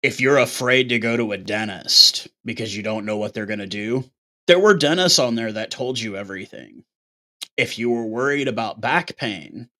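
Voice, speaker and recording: Male host, casual monologue, blunt and opinionated, middle pitch, bright edge. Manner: blunt, ranting, occasional swearing. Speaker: show host.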